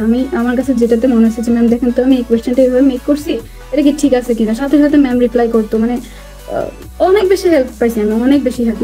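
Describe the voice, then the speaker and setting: A young woman from Bangladesh, a student applicant, chatting excitedly on a video call and slipping English phrases into her talk. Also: high voice. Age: young adult. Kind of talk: casual online interview.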